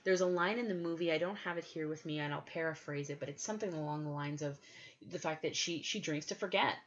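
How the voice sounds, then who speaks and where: A woman's voice: low-pitched, fast. A woman co-hosting a podcast, chatting with enthusiasm in a casual way. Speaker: podcast co-host. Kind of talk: casual chat. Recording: dull lo-fi recording.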